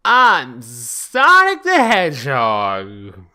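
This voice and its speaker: Man putting on a cocky cartoon hedgehog, bright-voiced. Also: mid-range voice, wildly swooping pitch, drawn-out words, clean tone, exaggerated voice. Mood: boastful. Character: boastful, often drunk cartoon hedgehog hero.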